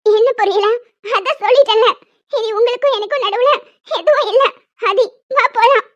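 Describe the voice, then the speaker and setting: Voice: extremely high pitch, moderate pace, dry recording. A performer voicing a hurt, angry young pregnant wife in a homemade cartoon, talking bitterly and reproachfully. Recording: dry, dull lo-fi sound.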